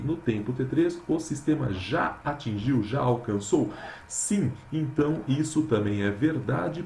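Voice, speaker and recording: A man's voice: medium pitch, vocal fry, dark tone, echoey room, slight background noise. A man teaching chemistry with a Brazilian Portuguese accent, working through exercises and repeating key words, calling his students "meus amores". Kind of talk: recorded lesson solving exercises.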